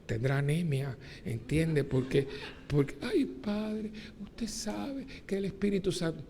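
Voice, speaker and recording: A man putting on the voice of an affected, overly pious churchgoing woman who speaks in a hushed, mannered whisper. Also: on the high side, slow pace, big-room sound, slight background noise. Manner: hushed, mannered, exaggeratedly devout. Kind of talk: mocking impression within a homily.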